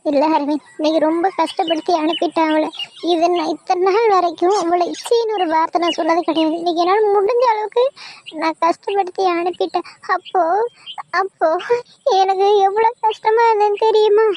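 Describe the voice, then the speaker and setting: A woman's voice: extremely high pitch, steady tone, brisk, darkish tone, slight background noise. A woman voicing Madhu, a grieving young wife who cries and pleads with her husband. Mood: pleading. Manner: pleading, distraught. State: crying. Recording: dull lo-fi sound.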